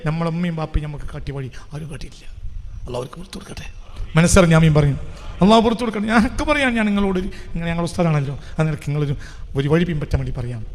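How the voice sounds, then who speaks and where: High, bright-voiced preacher in a hall. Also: male voice, lively intonation, very fast. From Kerala, India. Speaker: Islamic preacher. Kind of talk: sermon.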